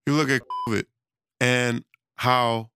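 Music plays behind this slow, steady-toned American man of medium pitch. Self-employed with his own studio, he's losing his voice as he wanders through a loose, conversational monologue packed with fillers and false starts.

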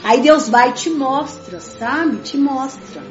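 A high-pitched woman talks through her faith in an earnest, emphatic way, circling back to the same points and calling out to her listeners again and again. Her voice bounces around a reverberant room. The sound is dull and muffled, with soft music underneath. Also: slow pace. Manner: repetitive, keeps addressing listeners as "gente". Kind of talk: conversational religious talk.

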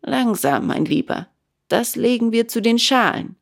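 A woman voicing a wise, poor old woodcarver father who speaks low and admonishing. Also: lively intonation, unhurried, creaky, heavily acted. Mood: gentle.

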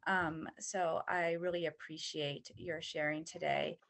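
A woman's voice: sits low, steady tone, measured pace, vocal fry, a bit bright. A woman earnestly affirming another member's sharing in a church discussion group, with frequent ums. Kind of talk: warm affirming group response.

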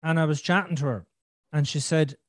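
A man's voice: a little high, fairly even intonation, brisk, dry recording, clean studio sound. A man hosting a podcast in casual, candid conversation, with a blunt, sweary, joking manner. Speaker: podcast host.

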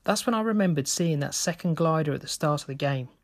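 A man narrating a first-person story in a steady, measured reading. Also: on the high side.

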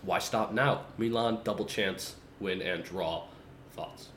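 Excitable low-voiced man co-hosting a podcast. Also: takes it slowly, a little hiss or hum. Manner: excitable, teasing, calls his co-host by name often. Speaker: podcast co-host. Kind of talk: casual chat. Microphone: video call.

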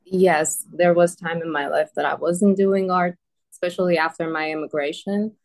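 A woman's voice: on the low side, fairly even intonation, normal speed, a little mellow. A woman from Iran, a native Persian speaker, answering interview questions as an artist guest, hesitant and full of "um" and "like". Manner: hesitant, laughs often, says "like" and "um".

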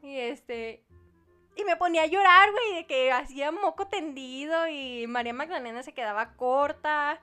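A young woman with a Mexican Spanish accent tells a story in casual podcast chat. Her voice sits high, and she talks in an animated, slangy way. She acts out both sides of the dialogue. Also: moderate pace, faint music behind. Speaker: podcast co-host.

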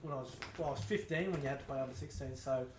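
A man's voice: mid-range voice, racing, a little mellow, roomy sound, slight background noise. An Australian man in his twenties, a rugby league player, chatting easygoing about growing up. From Snowy Mountains, Australia. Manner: laid-back, easygoing, says mate and man a lot. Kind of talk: casual interview chat.

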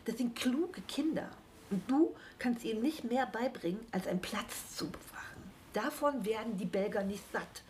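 A woman's voice: a little high, expressive, normal speed, a little mellow, lightly acted. A pushy little hedgehog lisps his way through nagging and blunt advice, as a woman puts him on. He is a cheeky storybook critter who never lets up. A faint hiss runs behind the reading. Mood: lecturing. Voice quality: lisping.

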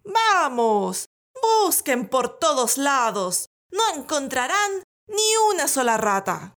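Woman reader doing a scornful, blustering mayor for a fairy-tale recording, unhurried delivery. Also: mid-range voice, lively intonation, a bit bright. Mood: excited. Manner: mocking, blustering. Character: greedy scornful male town mayor.

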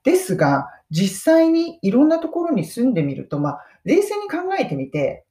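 A woman's voice: a little high, huge pitch swings, moderate pace, dark tone, far from the mic. A woman in her thirties, a mother and host, chatting personally about life abroad and learning English. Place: lives in London. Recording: roomy sound, mic set back.

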